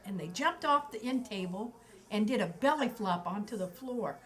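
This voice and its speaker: A woman's voice: mid-range voice, moderate pace, poor audio. An older woman, a mother of eleven, casually telling family stories with lots of laughter, acting out the children's quoted voices. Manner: lively, laughs often, acts out the kids' quoted voices.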